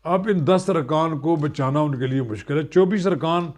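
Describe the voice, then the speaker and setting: A man's voice: a little high, normal speed. Earnest Pakistani Urdu news commentator man. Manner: earnest, explanatory, addresses viewers formally. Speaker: political commentator.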